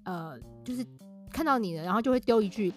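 A woman's voice: mid-range voice, expressive, quick pace, soft background music. A woman guest and author, explaining things in a casual podcast conversation and laughing often.

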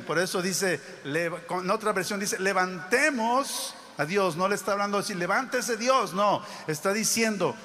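Male pastor, high voice, fervent sermon delivery, long hall reverb. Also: bright, forceful tone. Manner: preaching with rising emphatic exclamations.

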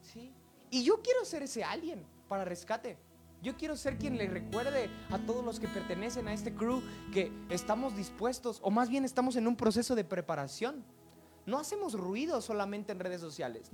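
A woman preaching a sermon with fervent, emphatic delivery, often repeating words. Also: a little high.

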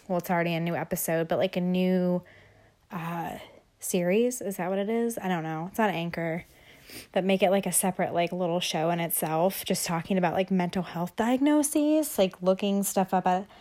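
Congested, breathless young woman, lowish voice. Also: a little mellow. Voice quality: congested, stuffy nose. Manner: rambling, thinking aloud. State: short of breath from a cold, breathing through the mouth. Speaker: podcast host. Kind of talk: casual solo podcast chat.

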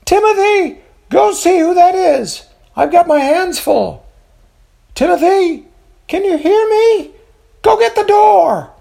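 A man voicing a fussy, shrill mother who bosses her son and frets over her guests. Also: expressive, takes it slowly, gravelly, warm tone, full character voice. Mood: yelling. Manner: bossy and fussing.

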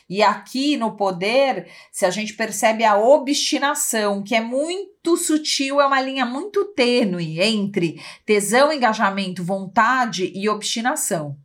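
A woman's voice: mid-range voice, animated, measured pace, hardly any pauses. A woman with a Brazilian Portuguese accent, co-hosting a podcast and explaining ideas in casual chat. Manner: explains with many "né?" tags and acted examples. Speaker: podcast co-host.

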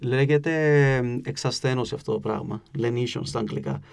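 A man with a Cypriot Greek accent explains things patiently in an interview, at a mid pitch. He pauses on filler sounds and works through examples slowly and clearly. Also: a little mellow. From Cyprus. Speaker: linguist guest.

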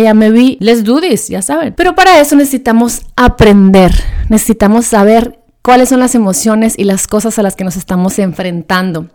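A woman's voice: mid-range voice, a little mellow. A woman in her thirties with a Mexican Spanish accent, hosting a casual self-help podcast in a chatty, candid way and acting out the voices of friends and her own inner thoughts. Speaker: podcast host.

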